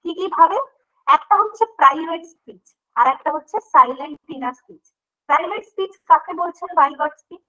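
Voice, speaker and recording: A woman's voice: sits high, expressive, a little fast, bright, forceful tone, highs cut off. A woman teacher giving an online lecture, explaining step by step and posing questions she answers herself. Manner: explanatory, asks and answers her own questions.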